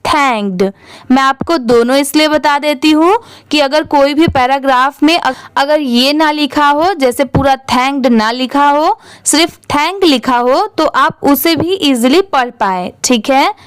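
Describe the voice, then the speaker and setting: A woman's voice: high voice, measured pace, no echo. A young Indian woman teaching English reading, spelling words letter by letter and questioning the viewer. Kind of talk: slow spelling-out lesson.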